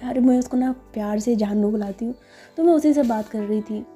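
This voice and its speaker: A woman's voice: fairly high pitch, a little fast, dark tone, soft background music, lightly acted. A woman voicing a cheerful young woman who coaxes and talks breezily. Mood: breezy. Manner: coaxing, casual.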